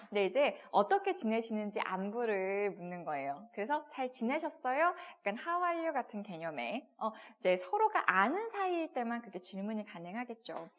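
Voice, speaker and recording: Lady teaching a language class, kinda high voice, bouncy intonation, keeps repeating sounds for you to copy. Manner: explains step by step, asks rhetorical questions; models pronunciations in short repeated syllables. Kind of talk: textbook video lesson.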